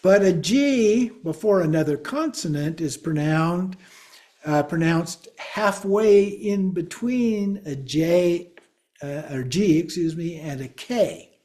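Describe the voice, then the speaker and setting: A man's voice: on the high side, lively intonation, takes it slowly, warm tone. A man teaching a class on pronunciation, explaining step by step and checking in with his listeners. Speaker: Buddhist teacher.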